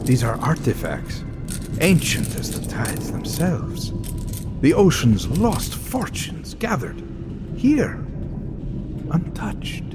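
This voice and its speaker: An actor playing an earnest, thoughtful professor in an audio drama, eloquent and deliberate, with a sense of wonder. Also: male voice, a little high, wildly swooping pitch, noisy background, heavily acted. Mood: awestruck.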